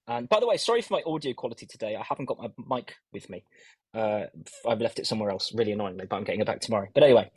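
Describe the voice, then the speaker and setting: A husky-voiced man hosts a relaxed football chat, teasing himself as he reads out listener questions. His voice comes through low-quality audio with no proper microphone. The sound is dry and close. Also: no echo. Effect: low-quality audio without his usual microphone. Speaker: podcast host. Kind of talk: casual fantasy football chat.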